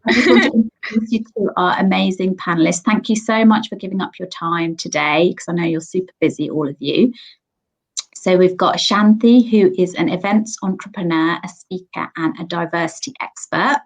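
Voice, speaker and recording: A woman's voice: on the low side, normal speed, rough recording. A woman in her forties hosting a live online panel, chatty and upbeat, with frequent ums, recorded on a computer mic at home. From Sri Lanka, raised in England. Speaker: host.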